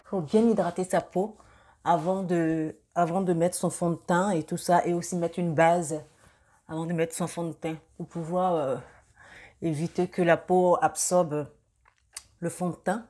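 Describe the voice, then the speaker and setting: A young woman chats her way through a makeup tutorial, pausing often on fillers and starting her sentences over. Her voice sits a little low for a woman. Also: fairly even intonation, mellow. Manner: hesitant, many fillers and restarts. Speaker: beauty vlogger. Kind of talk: casual makeup tutorial talk.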